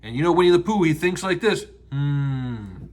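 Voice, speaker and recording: A man's voice: high voice, expressive, fast. A man hosting a children's story time, reading aloud like a rambling, playful grandpa, drawing out and repeating words, with exclamations and sound effects. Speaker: children's storytelling show host. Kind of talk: animated read-aloud children's storytelling with asides to listeners.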